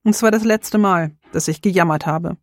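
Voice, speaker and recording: A woman, a mother, reading her own story in a quiet, reflective way. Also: on the low side, fairly quick, no room sound, studio quality. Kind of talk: scripted personal narration.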